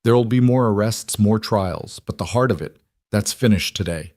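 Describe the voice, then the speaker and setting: A man voicing a calm, firm federal marshal in a western tale. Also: fairly low pitch, moderate pace, no echo, clean studio sound, lightly acted. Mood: warm. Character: stern, fair-minded federal marshal, grown man.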